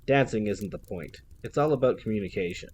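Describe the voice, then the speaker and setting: A man voicing an arrogant teenage genius who talks in a crisp, formal way. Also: fairly low pitch, lively intonation, brisk, darkish tone, slight background noise, lightly acted. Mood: cool. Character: arrogant young teen male genius, cool and precise.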